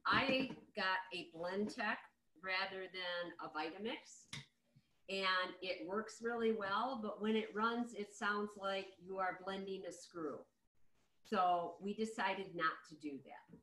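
A middle-aged woman runs a casual cooking demo over a video call from her home kitchen, chatting and explaining as she goes. Her medium-pitched voice is bright and forceful, and she takes it slowly. The device sits across the counter, giving roomy, echoey sound with slight background noise.

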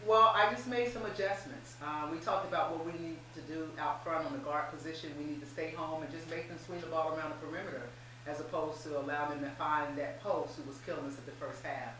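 Her voice is low and quick, fairly even in intonation, with a pushed, bright quality. This middle-aged head basketball coach sounds upbeat and emphatic in a post-game press interview, seated at a table in a small poster-lined room. A stand-mounted table mic picks her up from off the mic, so the audio is very echoey and distant, with a faint hum.

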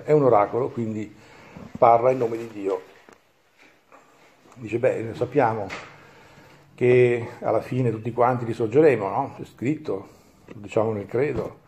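Italian priest, man, mellow tone, calm measured homily. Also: mid-range voice, slight background noise. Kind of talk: reading the Gospel, then a homily.

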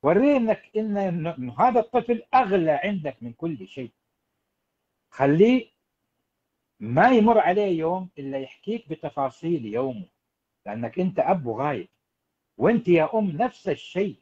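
Animated man coaching parents. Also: fairly high pitch, fairly quick, husky, dull audio. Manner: animated, preachy, emphatic, addresses listeners directly. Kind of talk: live-stream parenting talk.

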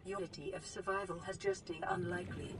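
A woman voicing a calm, gentle female computer assistant in a video game. She gives even, clipped status announcements through a synthetic computer filter. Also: lowish voice, fairly quick, noisy background. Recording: game audio heard from a distance, loud music underneath.

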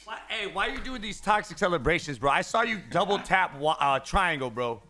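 A man in his thirties with a high, bright voice and a gravelly edge, chatting on a gaming headset. He teases in a playful, slangy way, his pitch swinging up and down constantly. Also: lively intonation, a little fast. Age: 30s. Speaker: streamer host. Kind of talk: casual gaming chat. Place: streaming room, indoors.

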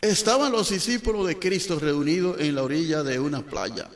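Gravelly Dominican joke teller. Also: male voice, a little high, normal speed, very noisy. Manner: gravelly, lively comic delivery with sound effects. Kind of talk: told jokes, storytelling.

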